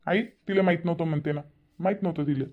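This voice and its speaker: A grown son in a cartoon, voiced by an actor, tries to settle a family quarrel in a mid-pitched voice. He sounds placating and questioning, caught between his mother and his wife. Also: racing, narrow, tinny audio, natural voice. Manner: placating, calming. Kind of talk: cartoon voice acting.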